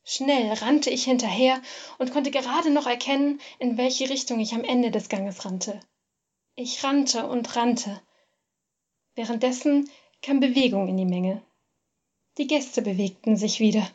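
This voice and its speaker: A woman's voice: a little high, measured pace, a little mellow, lo-fi sound. Woman reading a first-person story aloud. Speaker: narrator of a literary podcast.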